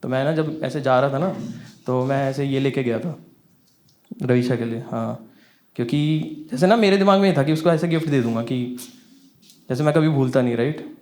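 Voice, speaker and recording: A young man doing stand-up comedy, telling a story and acting out the dialogue with big swings in pitch and loudness. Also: normal speed, pauses often. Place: comedy stage before an audience.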